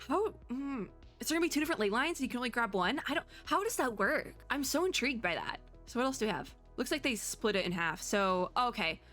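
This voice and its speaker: A young woman streamer reacts to game previews in a casual, slangy ramble, thinking aloud as she goes. Her voice sits on the high side and sounds a bit bright, with lively intonation and a fast pace that leaves hardly any pauses. Background music plays as a bed beneath her.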